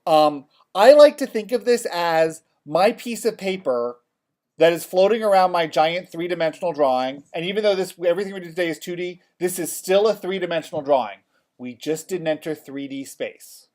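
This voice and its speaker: A male college theater design instructor teaching software in a casual classroom style, often checking in with the class. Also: high voice, lively intonation, normal speed. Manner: chatty, checks in with "okay?" often.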